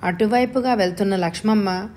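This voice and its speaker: Woman reading a story aloud, steady. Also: mid-range voice, a little fast, a little hiss or hum. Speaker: story reader.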